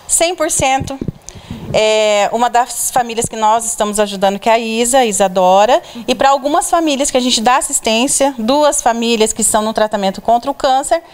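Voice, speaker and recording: A woman's voice: on the high side, a little fast, clear, resonant tone. A woman in her thirties with a Brazilian Portuguese accent, a charity volunteer interviewed at an indoor bazaar on a handheld mic, plainly listing details. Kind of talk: on-camera interview. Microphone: reporter's handheld mic.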